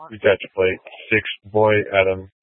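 A man's voice: sits low, monotone, a little slow, dry recording. A male police officer calling in over a two-way radio, terse and clipped, reading out plates and locations in code. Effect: heard over a two-way radio. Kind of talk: clipped radio call traffic. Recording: tinny, distant radio transmission.

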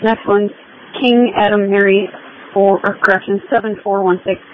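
A woman police dispatcher talking over a two-way radio, brisk and clipped as she reads out plates and codes. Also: mid-range voice, fairly even intonation, no room sound. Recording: tinny radio channel with faint hiss.

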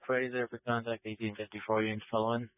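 A man's voice comes over a police radio, reading dispatch calls in quick, clipped codes. The sound is thin and tinny like a radio channel, fairly low and completely dry. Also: flat delivery, dry recording. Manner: clipped, rapid call codes. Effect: police radio transmission.

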